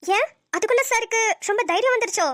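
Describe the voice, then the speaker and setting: Woman voicing a squeaky-high cheeky cartoon college girl, sharp bright tone, teasing; dry close mic. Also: quick pace, dry recording. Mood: playful. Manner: teasing, playful banter. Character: cheeky young female college student. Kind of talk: cartoon voice acting.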